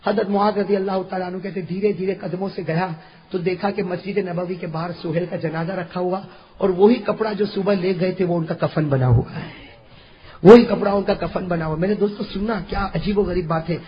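A male preacher telling a story in a sermon, impassioned, rising to shouts and asking the audience rhetorical questions. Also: sits high, steady tone, slight background noise. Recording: dull lo-fi recording.

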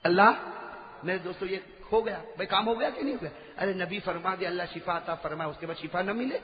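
A very high-voiced man delivers a storytelling sermon, dropping to a hush and then rising to shouts. His voice rings in a long-echoing hall. The recording is dull and lo-fi, with a crowd audible behind. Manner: swings from hushed to shouting. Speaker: preacher. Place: large hall with audience.

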